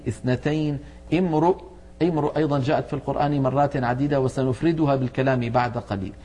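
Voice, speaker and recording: A middle-aged man teaching a televised lesson on Quranic recitation, explaining methodically and slowing down to enunciate each example word. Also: mid-range voice, darkish tone.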